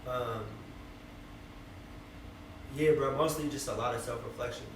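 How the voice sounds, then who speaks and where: A man's voice: mid-range voice, a little slow. Bay Area guy in his twenties, loose reflective chat, roomy echo, distant noisy mic. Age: 20s. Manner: loose, reflective, many fillers and "you feel me". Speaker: rapper guest. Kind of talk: casual interview chat.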